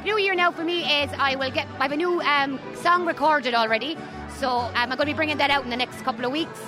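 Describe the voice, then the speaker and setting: Fast, high-voiced, effusive Irish woman. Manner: effusive, thankful. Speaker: singer being interviewed. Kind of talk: casual chat interview. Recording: live event with crowd and music. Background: crowd and music.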